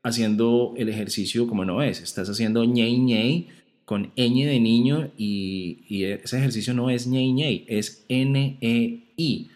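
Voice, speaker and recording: A man teaching singing, walking listeners patiently through vocal exercises. He checks in with short tag questions and breaks into brief sung warm-up syllables to demonstrate. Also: medium pitch, fairly even intonation, measured pace, hardly any pauses. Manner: explanatory, frequent tag questions. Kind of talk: instructional vocal lesson.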